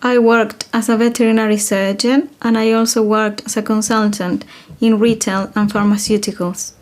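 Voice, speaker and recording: Calm woman. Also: fairly high pitch, moderate pace. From Chile. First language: Spanish. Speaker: interviewee. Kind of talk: interview answers.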